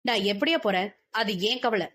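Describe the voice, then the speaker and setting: A woman's voice: medium pitch, expressive, normal speed, fairly bright tone. A woman voicing a menacing, vengeful young man who taunts and threatens in an audiobook.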